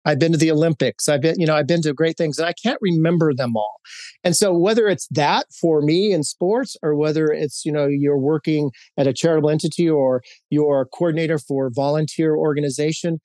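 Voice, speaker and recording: A corporate executive in his fifties who grew up in Hawaii, United States, answers interview questions candidly through stories, restarting often and using many fillers. He talks fairly quickly in a fairly high, dark-toned voice, on a dry, studio-quality recording.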